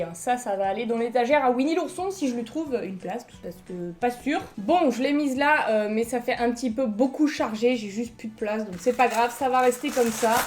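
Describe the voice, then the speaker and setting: A woman's voice: fairly high pitch, a little mellow. A young French woman chatting enthusiastically as she unboxes collectible figurines in a casual vlog. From France.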